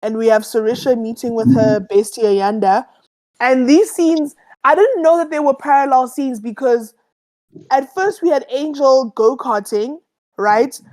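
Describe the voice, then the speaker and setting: A woman's voice: sits high, a little slow, a little mellow, poor audio. A woman around thirty, co-hosting a casual TV review chat in an emphatic, exclamatory way. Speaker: co-host of a TV review show.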